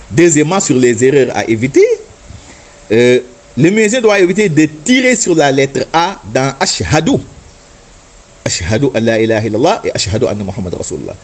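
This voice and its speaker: A man teaching a religious lesson in a slightly husky voice. His pitch moves a lot as he explains points patiently and sings out words to show how they should sound. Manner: patient, explanatory, demonstrates chanted Arabic words and repeats "n'est-ce pas". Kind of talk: religious instruction talk.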